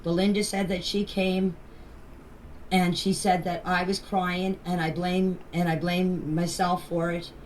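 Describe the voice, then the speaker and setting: On a distant, noisy phone voice message, an older Canadian woman gives an earnest, defensive personal account, insisting on her points and repeating them. Her voice sits on the low side, level in tone, unhurried and a little mellow.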